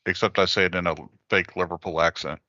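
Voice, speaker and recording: A man's voice: low voice, steady tone, quick pace, bright, forceful tone, no echo. A man playing a tabletop game, easygoing and joking. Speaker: player. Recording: dry, dull lo-fi audio.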